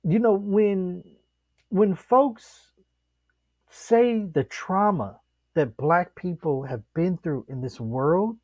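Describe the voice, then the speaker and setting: Man, lively storyteller, dry close sound, slightly dull lo-fi audio. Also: takes it slowly, no echo. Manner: animated storyteller, acts out quotes with big pitch jumps. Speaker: podcast co-host. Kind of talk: casual chat.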